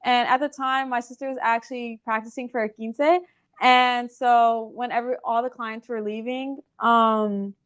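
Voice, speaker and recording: A young woman in her twenties chats through a casual interview, her voice smooth and clear and sitting a touch high. She fills her sentences with little fillers and tells her story in an animated, running way, recorded in her own nail salon. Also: moderate pace. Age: 20s. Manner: chatty, filler-heavy with many "like"s, animated retelling. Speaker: guest, nail salon owner.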